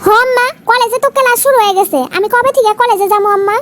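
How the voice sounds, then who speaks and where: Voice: fast talker, fairly bright tone. A performer voicing a young bride in a cartoon who pleads to continue her studies. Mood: pleading. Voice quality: high squeaky cartoon pitch. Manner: pleading and complaining. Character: young bride eager to study. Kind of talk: cartoon voice acting.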